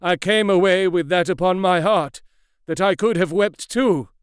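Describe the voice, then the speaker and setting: A man voicing a fearful elderly male butler in an audiobook, speaking low and confiding. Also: normal speed, smooth, no room sound, studio quality, lightly acted. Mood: mournful. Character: fearful old male butler, hushed and grave. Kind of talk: audiobook character reading.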